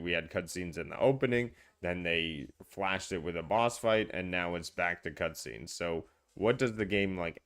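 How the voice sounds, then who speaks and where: A man's voice: sits low, a bit bright, clean tone. A man co-hosting a casual gaming podcast, chatty and self-deprecating, rambling with fillers. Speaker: podcast co-host.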